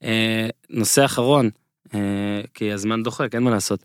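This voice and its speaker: Israeli accent guy hosting a sports podcast, casual chatty interview, bit halting, dry sound. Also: fairly low pitch, fairly even intonation, no echo. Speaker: podcast host.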